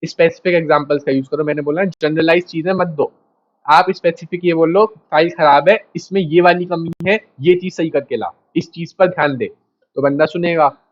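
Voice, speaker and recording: A man's voice: fairly high pitch, fairly even intonation, moderate pace, highs cut off. A man teaching a class in a casual, direct way, repeating his points and talking straight to the students. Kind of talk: casual lecture.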